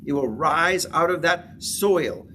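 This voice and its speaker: A man leads a spiritual lesson in a fairly high voice, moving through slow, measured lines and repeated affirmations. He sits a little away from the microphone, with a faint hum of room noise behind him. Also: expressive, pushed and bright, distant mic. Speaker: spiritual teacher. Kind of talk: spiritual class lecture.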